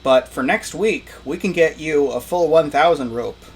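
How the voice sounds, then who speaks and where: A man's voice: a little high, moderate pace, breathy edge. A man voicing a friendly male office administrator in a tabletop game, accommodating and bureaucratic.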